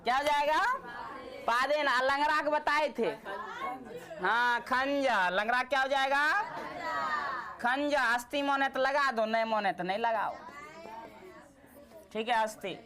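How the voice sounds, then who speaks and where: A woman's voice: high voice, measured pace, long pauses, crowd noise. A woman teaching a Sanskrit class, quizzing and teasing her students.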